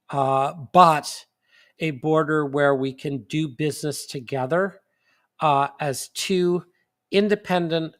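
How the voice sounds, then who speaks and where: This is a relaxed monthly live-stream chat, apparently hosted from a home desk setup by a man whose voice runs a little high for a man. He talks slowly and rambles, restarting sentences and leaning on fillers, and he's audibly sniffly.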